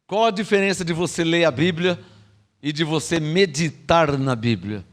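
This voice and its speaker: A man's voice: on the high side, moderate pace. A man with a Brazilian Portuguese accent preaching a sermon, teaching with rhetorical questions and having the congregation repeat his phrases. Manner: lively, frequent rhetorical questions and laughs.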